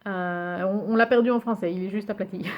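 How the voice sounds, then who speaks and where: Woman host of a casual show-and-tell video: amused, musing aloud, halting over names, mid pitch. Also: fairly even intonation, dull audio. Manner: hesitant, many fillers, muses aloud over names; reads English card titles slowly and carefully. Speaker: YouTuber presenting a card game.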